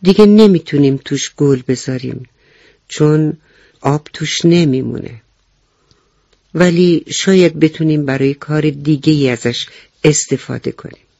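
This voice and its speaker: A man's voice: fairly high pitch, vocal fry, pauses often, dark tone, no echo, muffled recording. A man voicing an eager, honest young boy mouse in a children's story. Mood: earnest.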